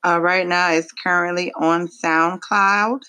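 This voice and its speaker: A woman with an American accent and a raspy, deep, soulful voice, talking in a sultry, unhurried way as a guest in a casual podcast interview. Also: steady tone, pushed and bright, dry recording. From Michigan, United States. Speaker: podcast guest, neo soul R&B singer.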